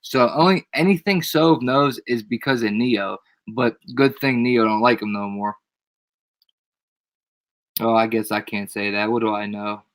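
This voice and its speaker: A man's voice: mid-range voice, measured pace, no room sound. A man hosting a live stream, chatting casually in slangy, repeated short phrases. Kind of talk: casual chat.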